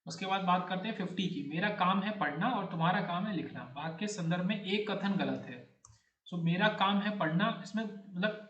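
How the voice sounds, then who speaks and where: Guy teaching exam grammar, talks high, goes over each answer step by step, echoey room. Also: fairly bright tone. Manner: explains step by step, repeats words as he checks them. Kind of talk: exam-prep grammar lecture.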